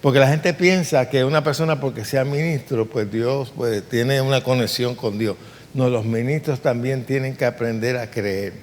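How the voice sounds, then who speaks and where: Emphatic preacher in a reverberant hall. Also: male voice, medium pitch, fairly even intonation, normal speed, slight background noise. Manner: earnest, emphatic preaching with rhetorical questions. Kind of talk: sermon.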